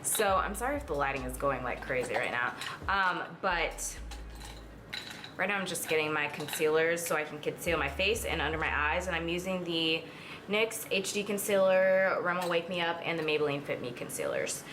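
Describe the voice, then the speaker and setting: A woman's voice: sits low, animated, normal speed, background noise. A woman in her twenties chatting casually to her viewers while doing her makeup, rambling with lots of fillers. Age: 20s. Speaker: beauty vlogger. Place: at home in front of a mirror.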